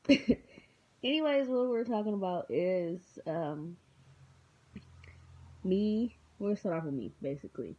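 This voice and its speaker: A tired young woman in her twenties talks off the cuff in a casual home vlog, rambling and goofy with plenty of ums. Her voice sits fairly low. The recording sounds dull and lo-fi. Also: expressive, measured pace, long pauses. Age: 20s. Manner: rambling, unscripted, many filler ums. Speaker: vlogger.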